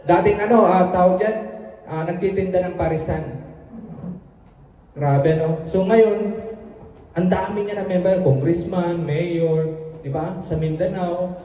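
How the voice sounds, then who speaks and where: A man's voice: sits high, steady tone, a little slow, long pauses, dark tone, slight background noise. A man hosting an event who hypes up the next speaker and keeps asking the crowd to focus and listen. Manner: hyping, repeatedly asks the audience to listen. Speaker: host introducing a speaker. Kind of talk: event emcee addressing an audience. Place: large meeting hall. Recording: echoey hall, voice from far off.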